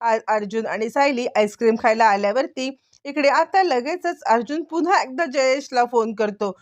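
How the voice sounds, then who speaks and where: Woman storyteller, high voice, running narration. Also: moderate pace. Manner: running narration, linking scenes. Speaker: storyteller recapping a serial.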